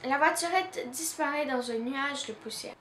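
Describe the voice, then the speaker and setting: A woman from Canada reading a children's story aloud in an expressive, measured way. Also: sits high, echoey room, slight background noise. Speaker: reader.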